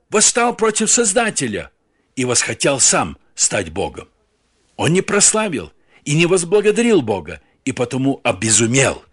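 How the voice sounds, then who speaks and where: Male preacher, husky, dramatic rise-and-fall delivery, dry close sound. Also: medium pitch, a bit bright, no room sound. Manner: solemn, swelling rises and falls. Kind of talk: radio-style sermon.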